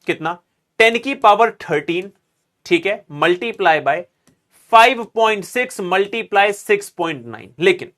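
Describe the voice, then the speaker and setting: A high-pitched, slightly bright male voice gives a chemistry lecture, mixing phrases into his explanation. He calls students "beta" and urges them to make some noise.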